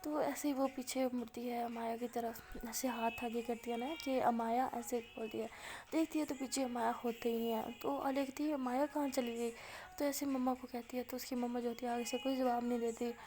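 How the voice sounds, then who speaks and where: A woman's voice: fairly high pitch, steady tone, brisk, dark tone, slight background noise. A young woman chatting through a love story as a storyteller, mixing in English words. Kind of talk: casual story narration.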